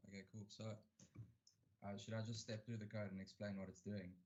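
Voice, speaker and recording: A man on a video call, heard through his headset mic, calmly stepping through his homework code in a soft-spoken way. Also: fairly low pitch, a little fast. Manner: soft-spoken, plain step-by-step explanation. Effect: voice heard through a livestream headset mic. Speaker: student presenting homework. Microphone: headset or computer mic on a video call. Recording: muffled, slightly noisy online call audio.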